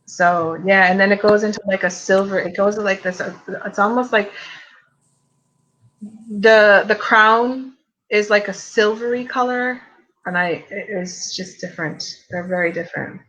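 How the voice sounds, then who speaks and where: A woman's voice: medium pitch, steady tone, a little slow, a bit bright, rough recording. A woman co-hosting a casual chat, showing her own paintings and talking hesitantly with many ums and likes.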